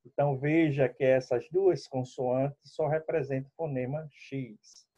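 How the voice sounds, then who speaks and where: A man teaches a classroom lesson, explaining the rules step by step and addressing his students directly. His medium-pitched voice is mellow and steady, at a measured pace. The recording is dull and lo-fi.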